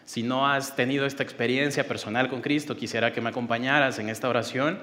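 A man's voice: mid-range voice, steady tone, fast talker, sharp tone. A male pastor giving a sermon, earnest and conversational, leading a spoken prayer and retelling a story with casual asides. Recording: long hall reverb.

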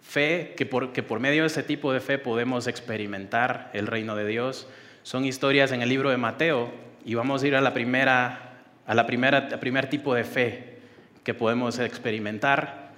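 Man, pastor, sermon, earnest, conversational asides, middle pitch, long hall reverb. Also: steady tone, normal speed, fairly bright tone. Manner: earnest preaching with spoken prayer and casual asides.

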